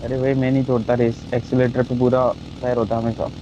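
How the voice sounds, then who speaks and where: A man's voice: mid-range voice, flat delivery, fast, highs cut off. A man in game voice chat, teasing teammates and laying out strategy. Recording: noisy game audio behind.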